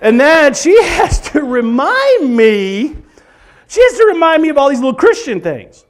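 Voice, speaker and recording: A middle-aged man doing stand-up comedy for a church audience, animated and exaggerated, breaking into sudden shouts. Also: extremely high pitch, unhurried. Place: church event hall before a live audience.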